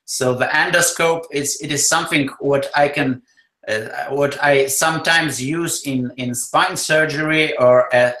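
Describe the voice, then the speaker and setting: A man with a Polish accent answers interview questions as a neurosurgeon, searching for words and repeating phrases. His medium-pitched voice sounds pushed and bright in a roomy, echoey recording.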